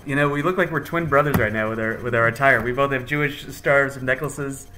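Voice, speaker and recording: A man's voice: medium pitch, fairly quick, background noise. A man hosting a podcast in a casual, jokey, hyped-up chatting style. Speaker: podcast host. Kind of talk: casual chat.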